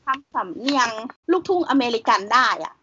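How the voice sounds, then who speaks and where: Chatty woman host, slightly high voice. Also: very animated, normal speed, pushed and bright, slight background noise. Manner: chatty, enthusiastic film recommendation. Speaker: podcast co-host. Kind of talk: casual chat. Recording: dull lo-fi sound.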